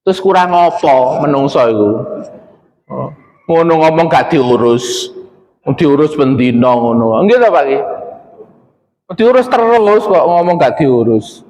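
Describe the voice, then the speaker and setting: East Javanese preacher in a reverberant mosque. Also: male voice, a little high, animated, unhurried, long pauses, darkish tone. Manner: conversational, addresses the congregation as "Pak", mixes in Javanese. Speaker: Islamic preacher. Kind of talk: mosque sermon. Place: mosque hall. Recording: long hall reverb.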